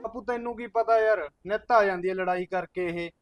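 A man's voice: sits high, brisk, lo-fi sound, close to an everyday voice. A man playing a harsh, dismissive younger brother who scolds his older sister. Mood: scolding. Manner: curt and scolding. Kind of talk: short film acting.

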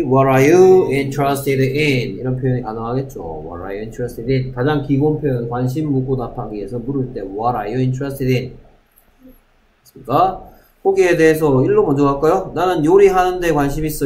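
A man teaching English grammar to a class, talking briskly, checking often that students follow and reading English example sentences slowly. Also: medium pitch, a little mellow, reverberant, slight background noise, poor audio.

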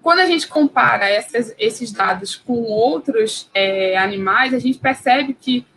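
A woman's voice: a little high, unhurried, a bit bright, slight background noise, rough recording. A woman from Brazil giving an academic biology lecture, hesitant, with many fillers and restarts.

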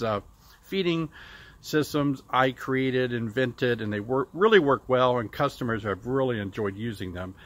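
The speaker, a middle-aged beekeeping teacher from Illinois in the United States, explains casually and with frequent pauses while filmed at close range outdoors near a farm building. His pitch is medium, with no echo.

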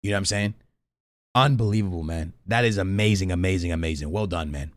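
Talking fast in a deep voice, this thirtysomething streamer uses slang while chatting with viewers and reacting to clips. He's in a small indoor room on a close boom-arm studio mic, so there's no room sound.

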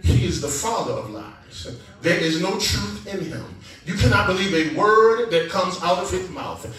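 A man preaching a sermon as guest preacher, animated and calling out to the congregation for responses. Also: high voice, moderate pace. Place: church sanctuary. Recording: echoey church sound from a distance.

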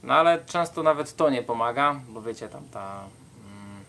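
A man's voice: medium pitch, lively intonation, moderate pace, pushed and bright. A young man travel vlogger reading out viewer questions and explaining plainly in casual chat.

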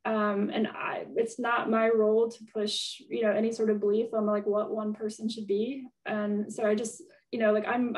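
A woman's voice: fairly high pitch, a little mellow. Distant-sounding woman answering questions. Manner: thoughtful, hedging, many fillers. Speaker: guest speaker answering audience questions. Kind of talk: conversational Q&A answers.

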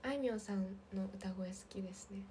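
A woman in her twenties with a light lilt, chatting casually on a livestream and reading viewer comments, often slipping into soft half-whispers. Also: mid-range voice, fast, a little hiss or hum. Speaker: idol livestream host.

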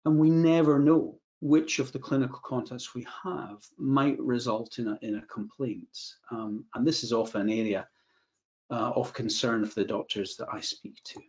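A man's voice: medium pitch, fairly even intonation, darkish tone, dull audio. Scottish man presenting a webinar. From Scotland. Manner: measured, repeats words when restarting phrases. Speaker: medico-legal adviser. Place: indoor room, video call.

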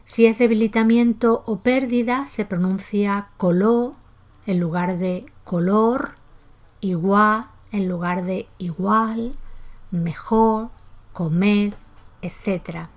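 Calm woman explaining pronunciation. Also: mid-range voice. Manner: calm, methodical, demonstrates pronunciations aloud; aspirates final S in her own speech. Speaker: language teacher. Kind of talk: explanatory lesson.

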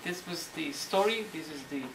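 A man lecturing on history as a story, animated and sometimes searching for words, acting out the quotes. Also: fairly high pitch, moderate pace, gravelly. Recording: roomy hall, mic at a distance, faint noise.

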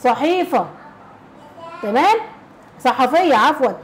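A woman's voice: high-pitched, animated, a little slow, slight background noise, poor audio. An Egyptian woman teacher explaining a lesson, who keeps asking rhetorical questions, answers them herself and repeats key phrases. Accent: Egyptian Arabic.

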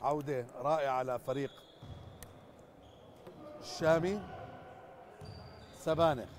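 A man's voice: mid-range voice, fairly even intonation, takes it slowly. A man with a Jordanian Arabic accent doing live basketball commentary from an indoor gym. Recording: noisy indoor sports hall. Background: clear gym noise, bouncing basketball.

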